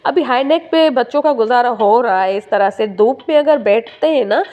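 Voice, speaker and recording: A woman's voice: fairly high pitch, moderate pace. A young woman, from Sindh, chatting to her viewers in a casual home vlog voice-over. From Sindh, Pakistan. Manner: chatty, addresses viewers warmly with fillers. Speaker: home vlogger. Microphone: phone.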